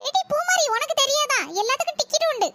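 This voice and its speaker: Squeaky chipmunk cartoon villagers. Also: quick pace, sharp tone, no echo. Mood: excited chatter. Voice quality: squeaky, sped-up sounding. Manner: chatty, calls to family and viewers. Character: chipmunk-pitched cartoon village mothers and kids. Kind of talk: cartoon voice acting. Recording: noisy cartoon soundtrack.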